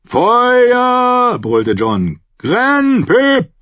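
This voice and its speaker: A man voicing a young male commander who bellows orders to his archers, slow and drawn out. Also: fairly low pitch, steady tone, husky, no echo, muffled recording. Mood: commanding. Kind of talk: audiobook character voice.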